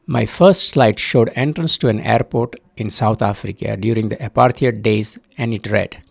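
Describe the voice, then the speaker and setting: Older man with a gravelly, husky voice. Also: fairly low pitch, no room sound. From Uganda. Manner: measured, earnest storytelling. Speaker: parent telling a personal story. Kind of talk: scripted personal narration.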